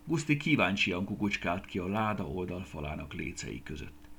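A man narrating a children's story in an expressive, lilting reading voice. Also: sits low, gravelly, slightly rough.

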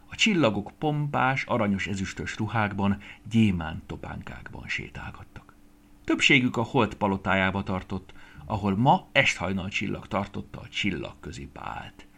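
A man narrating a children's fairy tale in a gentle, expressive reading voice. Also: lowish voice, creaky. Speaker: storyteller.

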